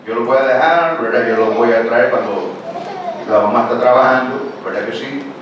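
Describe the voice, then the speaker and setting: A man's voice: mid-range voice, moderate pace, highs cut off, background noise. Older male pastor in an echoey hall. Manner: conversational preaching with frequent rhetorical questions. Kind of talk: sermon. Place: church hall. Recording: very echoey church hall, picked up from a distance.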